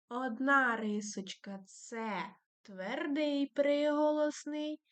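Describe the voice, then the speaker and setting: Teacher, woman, high-ish voice, slow and patient, dictates to small kids. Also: a bit bright. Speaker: primary school teacher. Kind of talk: online lesson for young children.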